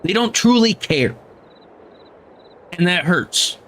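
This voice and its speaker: A man's voice: high-pitched, expressive, slow pace, fairly bright tone, slight background noise. Heated, swearing man ranting. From United States. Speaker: game streamer. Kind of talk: casual livestream chat.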